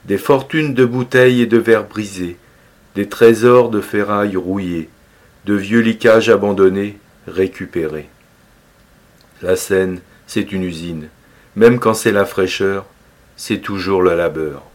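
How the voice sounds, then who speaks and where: Low-voiced man reciting a poem expressively. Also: unhurried. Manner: expressive, lilting recitation with shifting emphasis.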